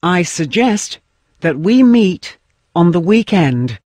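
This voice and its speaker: Mid-pitched reader, slow, lively intonation, repeats lesson lines; dry close mic. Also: no echo.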